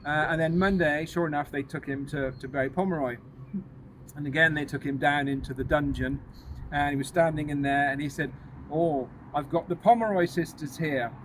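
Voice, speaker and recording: A man leading a ghost walk tells anecdotes to a small group outdoors near a road, speaking casually and with some hesitation. His voice is on the high side and a bit bright, with a steady tone and a fairly quick pace. Passing vehicles make the recording noisy.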